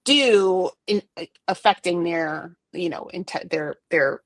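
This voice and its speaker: Middle-aged woman, art director type, low voice, dry sound, rambly casual interview talker. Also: no echo. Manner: rambling, many fillers and restarts, quick bursts.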